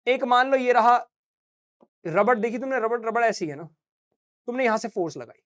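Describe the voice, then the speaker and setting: A man's voice: very high voice, animated, normal speed. Young guy teaching physics, chatty and friendly, throws in stories and little sung noises. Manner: chatty, addresses students as beta and bhaiya, tells anecdotes; sings little sound effects between points. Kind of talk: casual classroom lecture.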